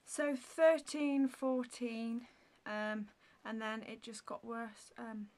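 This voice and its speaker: A woman's voice: a little high, flat delivery, takes it slowly, darkish tone. Rambling woman vlogger, full of ums. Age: 30s. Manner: rambling, with many ums and likes; talks to the camera, answering viewer questions. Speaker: beauty vlogger. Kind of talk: casual Q&A vlog.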